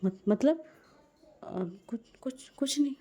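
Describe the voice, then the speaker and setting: A woman's voice: high-pitched, expressive, takes it slowly, warm tone, exaggerated voice. A woman voicing a shy young husband who stammers heavily and gets nervous in an amateur audio story. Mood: flustered.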